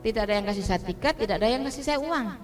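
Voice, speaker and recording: Indonesian woman preaching, fairly high voice. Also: animated, racing, over music. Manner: switches between Indonesian and English, translating herself; addresses listeners directly, checks they understand. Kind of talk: sermon testimony. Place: church.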